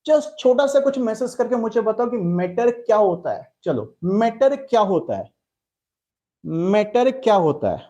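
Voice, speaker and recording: A male chemistry teacher with an Indian accent teaches a live online class. He speaks in a mellow, warm tone and talks to students in a fatherly way as he answers their chat messages. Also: high-pitched, big pitch swings, measured pace, highs cut off.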